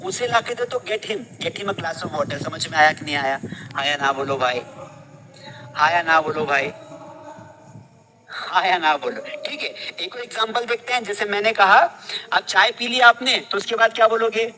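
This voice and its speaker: A man's voice: high voice, moderate pace, long pauses, background noise. A man teaching English phrases in a casual classroom style, quizzing his listeners with repeated questions.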